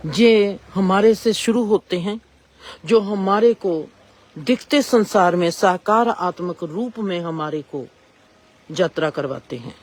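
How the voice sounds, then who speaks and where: A woman's voice: mid-range voice, slow. A woman gives a reflective spiritual discourse and asks rising rhetorical questions. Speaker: spiritual speaker.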